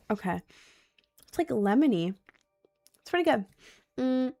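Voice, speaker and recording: A woman's voice: on the high side, big pitch swings, takes it slowly, vocal fry, mellow, soft background music. A young woman from the United States chatting casually on a livestream at her home desk, rambling with lots of ums and likes. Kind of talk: casual stream chat.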